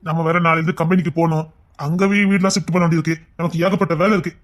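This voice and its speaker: A man performing a comic family skit in a loud, bossy and dramatic way. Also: fairly high pitch, steady tone, rapid-fire.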